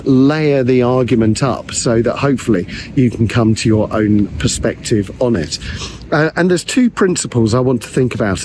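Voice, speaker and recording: A male pastor and theologian delivers a measured teaching talk to camera, dropping frequent ums and uhs. His medium-pitched, slightly mellow voice is a bit croaky after a recent illness, with a faint hiss or hum.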